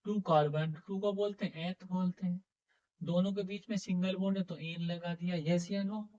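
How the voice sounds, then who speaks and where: A man's voice: high voice, fairly even intonation, moderate pace, dark tone. A man teaching a chemistry class, coaxing students with repeated questions, his voice a little heavy from being unwell. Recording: dull, muffled lo-fi sound.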